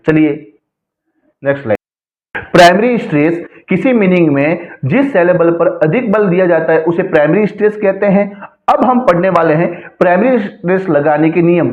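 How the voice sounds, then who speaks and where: A man teaching a slide lecture, explaining slowly and repeating words to show how they are pronounced. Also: on the high side. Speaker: English grammar teacher. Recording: echoey room, tinny phone-like sound.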